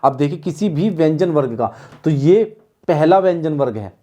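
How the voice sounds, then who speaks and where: Male teacher, slightly high voice, drilling students with repeated questions. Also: animated, normal speed, mellow. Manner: repetitive, questioning, drills students on sounds aloud. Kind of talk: online exam-prep lesson.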